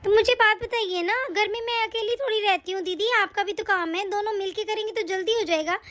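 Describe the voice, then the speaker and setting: A woman's voice: extremely high pitch, steady tone, fairly quick, fairly bright tone. A woman voicing a firm young daughter-in-law. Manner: firm, lecturing, matter-of-fact. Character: pregnant, hard-working younger daughter-in-law. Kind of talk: cartoon voice acting.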